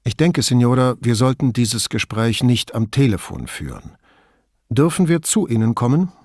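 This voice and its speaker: A measured, polite middle-aged police commissioner, as the male audiobook reader voices him. Mid-pitched with a lively melody. Close, dry studio sound. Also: dry recording. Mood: calm. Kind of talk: audiobook dialogue.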